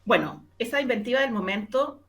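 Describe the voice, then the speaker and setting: A woman with a Chilean accent who makes radio dramas answers interview questions casually, her fairly high, slightly bright voice animated and a little fast. She explains eagerly, often repeating words while hunting for the next one.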